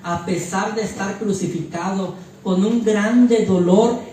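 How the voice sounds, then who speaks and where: A man's voice: high voice, slow pace, dark tone, a little hiss or hum. A man preaching a fervent sermon as pastor, repeating phrases for emphasis and addressing the congregation. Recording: echoey church hall, mic far off.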